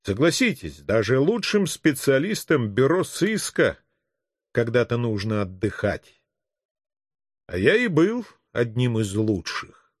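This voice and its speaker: A man narrates an audiobook with expressive, measured delivery. His pitch moves freely over a wide range. The close studio recording is dry, with no room sound. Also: dry recording.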